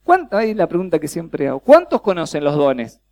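Fairly high in pitch and fairly quick, this preacher speaks with a Rioplatense Spanish accent at a youth congress workshop for a church. He's animated, posing questions to the audience and staging little dialogues.

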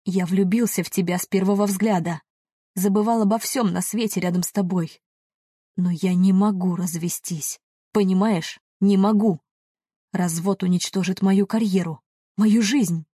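A woman voicing a married male doctor who speaks in a flat, monotone voice. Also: moderate pace, slightly rough, dry recording, clean studio sound, close to an everyday voice. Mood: anguished. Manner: flat, monotone, slightly lowered. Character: man, married doctor, cold and evasive.

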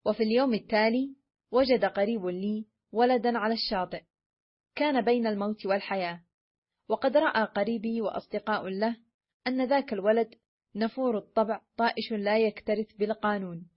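A woman's voice: medium pitch, natural voice. A woman reading the lines of a sly, cunning male adventurer in a storybook reading, on a dull lo-fi recording. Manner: sly, pressing.

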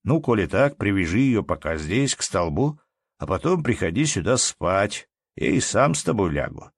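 A man's voice: on the low side, sing-song, moderate pace, dry recording, studio quality. A man voicing a sly, glib red-bearded peasant trickster who talks in a wheedling, mock-friendly way. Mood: coaxing.

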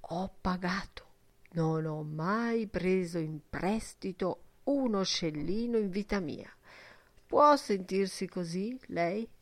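Preachy old schoolmaster read by a woman, solemn, lecturing, unhurried storybook delivery, low tone. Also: dry recording. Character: stern old male schoolmaster, preachy and self-satisfied.

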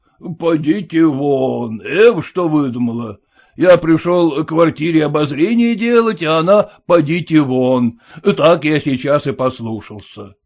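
A crude, overbearing merchant landlord drawls his words slowly and condescendingly, as a male reader acts him out. He sounds tipsy and full of himself. His voice rises and falls widely. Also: on the high side, animated, a little mellow.

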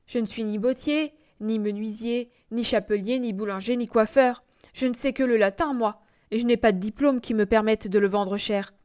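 A woman's voice: fairly high pitch, fairly even intonation, moderate pace, a little mellow, close to an everyday voice. A woman reading as a timid, sentimental old schoolmaster. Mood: exasperated.

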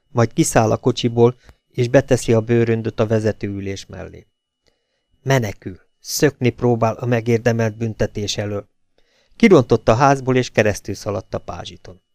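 A man reads a novel aloud in a steady, even narration. His voice has a gravelly edge, and the recording is close and dry with no room sound. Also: mid-range voice, no room sound. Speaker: audiobook reader. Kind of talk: audiobook narration.

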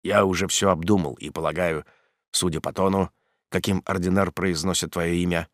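A man's voice: low voice, steady tone, normal speed, no room sound, studio quality, voice pushed down, lightly acted. A man doing a bitter old vengeful father. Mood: grave. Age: older. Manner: grave, brooding, bursts into fury.

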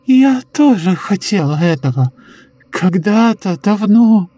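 Man doing a husky, sinister old woman. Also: sits high, animated, mellow, dry recording, soft background music, voice pushed up, full character voice. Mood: confiding. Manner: slow cooing, sinister giggles. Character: sly sinister old woman, eerily calm. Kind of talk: horror audiobook reading.

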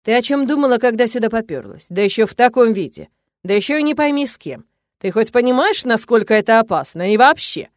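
A woman reading the lines of a domineering, jealous male boss in a curt, commanding tone, low and measured. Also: expressive, a little mellow, no room sound, clean studio sound, close to an everyday voice.

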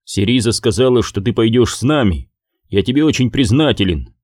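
Dude doing a young rebel leader guy, calm and protective, dry audiobook sound. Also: medium pitch, a little fast, dry recording, close to an everyday voice. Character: young male resistance leader, caring. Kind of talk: audiobook character voice.

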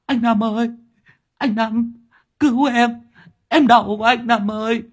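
A man doing a high whimpering young man. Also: fairly even intonation, unhurried. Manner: whimpering, pleading. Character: whiny young man in pain.

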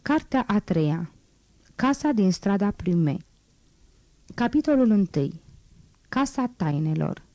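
A woman narrating a classic novel as an audiobook reader, in a measured, even storytelling manner. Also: medium pitch, no echo. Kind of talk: audiobook reading.

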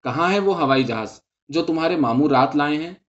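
A man's voice: fairly high pitch, lively intonation, natural voice. Sulky bossy little girl, man doing her, dull muffled audio. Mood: pouty. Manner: pouty, demanding. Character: proud, touchy seven-year-old girl. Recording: dull lo-fi recording.

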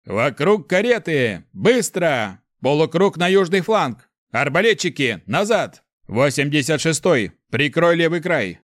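A man's voice: a little high, big pitch swings, a little slow, few pauses, fairly bright tone, no room sound, clean studio sound, voice pushed up. A man voicing a young nobleman, a baron's son, barking short battle commands. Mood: commanding.

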